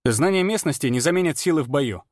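A man's voice: fairly high pitch, lively intonation, fast talker, no echo, studio quality, voice pushed up. A man reading aloud and voicing a blunt, self-assured young hunter who speaks matter-of-factly. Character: cocky young male hunter, blunt and confident.

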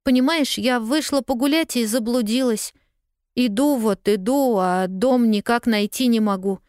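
A woman's voice: a little high, measured pace, darkish tone, dry recording, studio quality, voice pushed up, lightly acted. A woman voicing a lost young girl who is tearful yet stubbornly cheerful, talking in an eager, pleading way.

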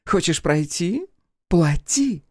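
Brash drunk young woman, shrill and mocking, swooping tune, male reader puts her on, storybook. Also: sing-song, slow pace, no echo, clean studio sound, heavily acted. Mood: taunting. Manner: shrill, mocking, slurred taunts.

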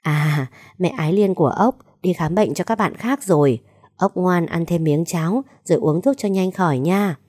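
A woman's voice: on the low side, moderate pace, husky. Woman voicing a doting anxious grandmother. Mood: coaxing. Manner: soft coaxing.

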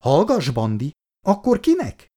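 A man's voice: huge pitch swings, mellow. A male reader voicing a fierce, emotional elderly mother who scolds her grown sons. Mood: suspicious. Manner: scolding, shrill outbursts.

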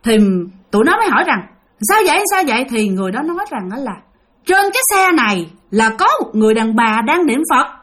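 A woman's voice: on the high side, very animated, fast, a bit bright. A woman telling a ghost story in a chatty way, talking straight to her listeners. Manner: chatty, addresses listeners directly.

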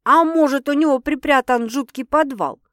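Woman doing a mouthy teasing sister, high and loud, bossy, dry sound. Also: dry recording. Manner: mocking, blunt, quick to scold. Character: brash teasing young woman, older sister.

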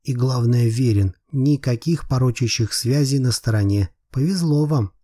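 A man's voice: mid-range voice, normal speed, dark tone, no echo, studio quality, lightly acted. A man reading an audiobook, voicing a touchy, boastful middle-aged private eye who talks curtly. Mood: gruff.

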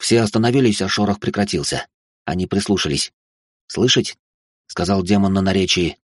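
Low, husky male storyteller. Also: fairly quick, dry recording, clean studio sound. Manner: wry, sarcastic asides. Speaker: narrator. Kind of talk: first-person audiobook narration.

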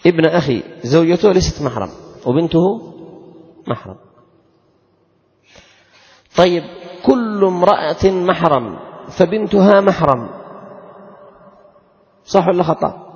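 A man leads a classroom lesson on Islamic law, putting questions to his students and repeating each rule slowly. His voice sits fairly high with a gravelly edge. The recording is dull and lo-fi, with a long reverb from a large hall. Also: animated, a little mellow.

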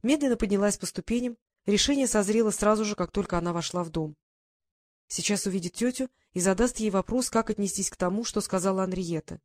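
A woman narrating a romance novel audiobook in calm, even storytelling. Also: medium pitch, fast, no room sound, studio quality.

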